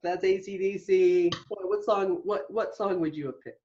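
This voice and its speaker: A woman's voice: on the low side, moderate pace, mellow, a little hiss or hum. Giggly woman chatting on a podcast. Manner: giggly, playful, breaks into snatches of song. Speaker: podcast co-host. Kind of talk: casual chat. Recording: dull lo-fi podcast audio.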